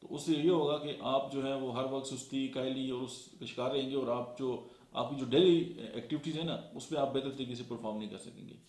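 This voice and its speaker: A man's voice: medium pitch, fairly even intonation, brisk, darkish tone. A man from Pakistan giving a motivational talk, lecturing and counting off his points one by one with frequent fillers. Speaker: motivational speaker. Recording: echoey room.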